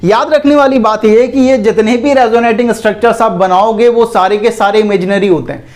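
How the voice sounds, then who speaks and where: A man's voice: sits high, steady tone, a little fast, darkish tone. A man teaching an exam-prep chemistry lecture, asking the class questions and answering them himself, calling students "bhai". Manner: repetitive, asks and answers own questions; calls listeners "bhai".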